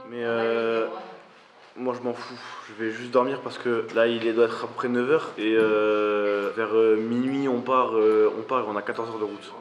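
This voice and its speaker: A man's voice: mid-range voice, level tone, normal speed. A man hosting a vlog, chatting casually in informal French slang. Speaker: vlog host. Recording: echoey, music behind.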